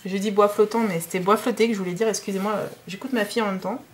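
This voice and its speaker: A woman's voice: mid-range voice, steady tone, quick pace. A woman in her thirties from France, chatting casually in a DIY unboxing vlog, hesitant with many fillers. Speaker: DIY vlogger.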